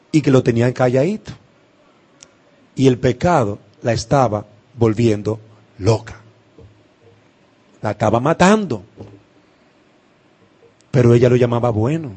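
A man preaches a sermon with passion, swinging from loud declarations down to hushed words and using emphatic pauses. His voice is medium in pitch.

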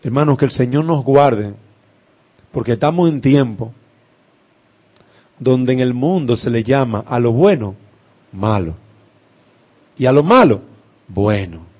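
A man preaching a sermon, impassioned, swinging from loud declarations to hushed words with emphatic pauses. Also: mid-range voice, animated.

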